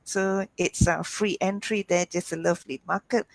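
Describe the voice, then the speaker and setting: A woman's voice: on the low side, fairly even intonation, moderate pace, creaky, no echo, low-quality recording. A woman hosting an online healing show, chatting informally in a hesitant, meandering way. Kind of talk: informal chat to online audience.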